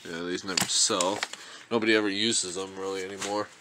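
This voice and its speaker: A man's voice: low-pitched, steady tone, fairly quick, very noisy. A young man vlogging as he unboxes storage-unit finds, thinking aloud and chuckling often. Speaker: reseller vlogger. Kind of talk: casual unboxing commentary.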